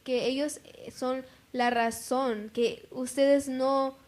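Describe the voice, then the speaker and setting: A woman's voice: high-pitched, flat delivery, slow, a little mellow. A woman speaking earnestly in a casual discussion about faith.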